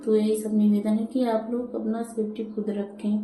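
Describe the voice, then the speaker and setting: A woman's voice: mid-range voice, little pitch movement, normal speed, dark tone, soft background music. A woman vlogger telling a story in a casual, chatty way, repeating herself and acting out what others said. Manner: chatty, repetitive, acts out the driver's lines. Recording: echoey room.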